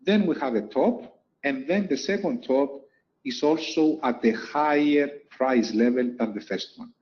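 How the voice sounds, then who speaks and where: A man's voice: mid-range voice, measured pace, highs cut off. A man teaching a lesson over chart slides, explaining step by step and repeating key points for emphasis. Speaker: trading instructor.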